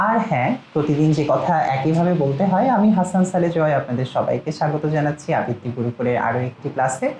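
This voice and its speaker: Man as a recitation teacher, measured word-by-word drills, roomy echo, faint rain behind. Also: fairly high pitch, darkish tone, a little hiss or hum. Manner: slow, measured, spells out words one by one. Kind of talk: pronunciation lesson with word drills. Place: outside the studio, storm and rain outside. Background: storm and rain.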